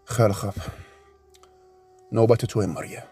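A man voicing a weary, gentle middle-aged father who is poor, speaking quietly and in a measured way. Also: on the low side, slightly rough. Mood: resigned.

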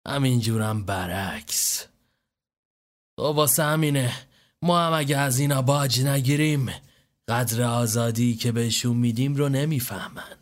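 A man voicing a calm male gang boss who lectures in a measured, philosophizing way. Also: mid-range voice, lightly acted. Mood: menacing.

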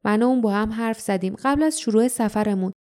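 A cheerful traveling pedlar voiced by a woman hurries his friends along in a friendly, low voice. The sound is warm and mellow, as in a storybook audiobook. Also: lightly acted.

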